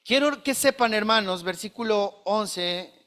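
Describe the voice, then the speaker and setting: Pastor, male, bright forceful tone, earnest preaching style. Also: high voice, measured pace. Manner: earnest, questioning, addresses listeners as brothers. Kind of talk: sermon.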